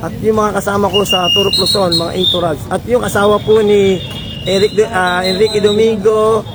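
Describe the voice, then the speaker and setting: A man's voice: high-pitched, flat delivery, fairly quick, a loud crowd, very noisy. A man with a Filipino accent giving rambling, hesitant live radio commentary on a cycling race. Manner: rambling, hesitant, lists shout-outs.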